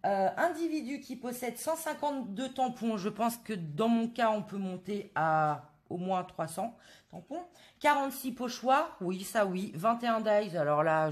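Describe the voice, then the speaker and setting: A woman from France in a casual haul video, chatting to her viewers with many hesitant fillers. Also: mid-range voice. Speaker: craft vlogger.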